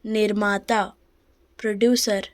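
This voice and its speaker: A woman teaching vocabulary, reciting each word and its meaning twice in a measured, even drill. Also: mid-range voice. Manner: measured, evenly paced recitation.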